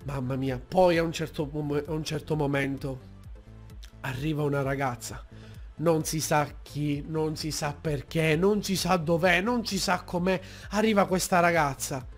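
A young man, telling a story on his vlog from a desk mic at home, acting out shouting fans. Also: measured pace, faint music behind. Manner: animated, acts out shouting fans in high yells. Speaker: YouTuber. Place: room at home. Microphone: desk mic with pop filter.

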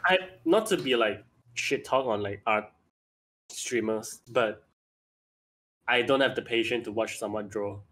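A man's voice: lowish voice, unhurried, pauses often, a bit bright. A man chatting casually on a podcast, complaining bluntly and swearing. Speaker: art streamer and podcast co-host.

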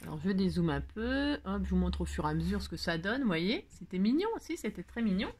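A woman's voice: medium pitch, big pitch swings, a little fast, a little mellow. A woman with a French accent hosting a card-making tutorial, chatting and thinking aloud as she works, with frequent delighted exclamations. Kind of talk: casual crafting tutorial.

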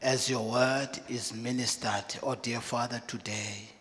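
A middle-aged man preaching and praying in a church, speaking in short repeated phrases with pauses for an interpreter. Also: medium pitch, fairly even intonation, fairly bright tone, slight background noise. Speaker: pastor. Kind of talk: sermon with prayer, paused for interpreter. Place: large church hall indoors. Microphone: handheld mic. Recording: reverberant church hall.

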